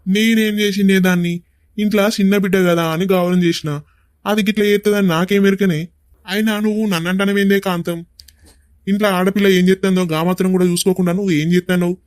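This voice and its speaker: A man doing meek village dad, Telangana Telugu accent, high flat voice, dry sound. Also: quick pace, clean tone, dry recording, natural voice. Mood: defensive. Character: meek older village father, soft-spoken.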